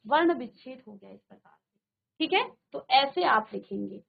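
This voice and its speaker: In a virtual classroom, a woman teaches Hindi grammar, posing questions to students, answering them herself, and slowing down to stress the example words. Her high voice is animated and creaky with a breathy edge, and the sound is phone-quality.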